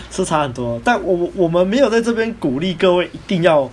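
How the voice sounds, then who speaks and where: Fast-talking Taiwanese Mandarin man. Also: sits high, a little hiss or hum. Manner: animated, acts out the people he quotes. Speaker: podcast host. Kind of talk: casual storytelling chat.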